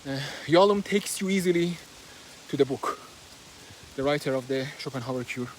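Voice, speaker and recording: A book reviewer strolls outdoors, casually and hesitantly summarizing a book with lots of fillers and restarts, in a mid-range voice at a moderate pace. Persian is his first language, and his accent shows it. The recording, done on a basic handheld phone, is rough with a little hiss or hum.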